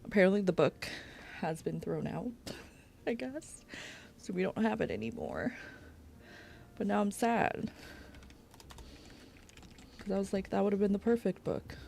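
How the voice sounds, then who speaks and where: A woman's voice: mid-range voice, moderate pace, creaky, pauses often, a little mellow, a little hiss or hum. A young woman chatting casually on a livestream while she works, rambling with lots of fillers. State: out of breath. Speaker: streamer. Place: home workspace.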